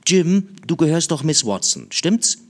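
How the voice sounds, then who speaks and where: A man reading aloud, voicing a restless, teasing young boy with a raised, quick voice. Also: sing-song, darkish tone, full character voice. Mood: teasing, probing. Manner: quick, raised boyish pitch. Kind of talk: audiobook reading.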